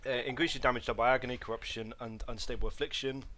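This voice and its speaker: A man with a medium-pitched, bright, forceful voice runs through a casual gameplay tutorial at a quick pace and fairly even intonation, a slight hiss or hum underneath. He rambles with many fillers and self-corrections, coughing slightly because of an irritated throat.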